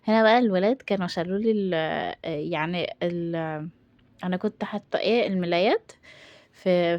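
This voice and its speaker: A woman's voice: mid-range voice, warm tone, dry recording, lo-fi sound. A young woman with an Egyptian accent chatting casually in a home vlog, exasperated and self-deprecating. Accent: Egyptian Arabic. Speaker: home vlogger.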